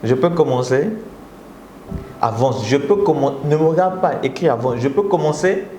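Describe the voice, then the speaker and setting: A Congolese man with a Congolese French accent hosting a live motivational talk, coaxing his viewers and often jumping into high exclamations. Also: moderate pace. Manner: animated, coaxing audience, rising into high exclamations. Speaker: motivational speaker and live host. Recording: echoey room with audible background noise.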